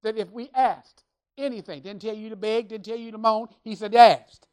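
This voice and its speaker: A woman's voice: on the high side, brisk. Woman preacher, emphatic, repetitive, call-and-response sermon.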